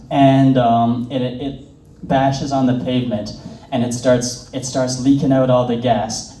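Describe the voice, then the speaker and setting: A man's voice: medium pitch, mellow. A young man telling stand-up stories in a rambling way, full of fillers, laughing at his own jokes. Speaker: stand-up comedian. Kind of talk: stand-up storytelling. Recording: roomy, distant mic.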